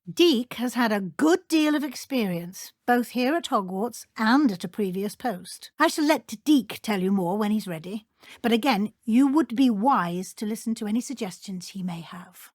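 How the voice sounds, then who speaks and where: Professor Weasley, brisk British witch teacher, higher-pitched. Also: dry recording, studio quality. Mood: measured, instructive. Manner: formal, precise, authoritative. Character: brisk, stern but encouraging middle-aged witch professor. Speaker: transfiguration teacher. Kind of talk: scripted video game dialogue.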